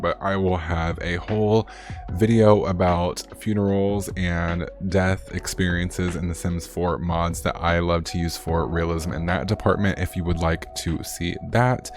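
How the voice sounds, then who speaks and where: A man, a gaming YouTuber, giving a chatty, upbeat walkthrough of game mods and rattling off lists of features. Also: deep voice. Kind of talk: casual gameplay commentary.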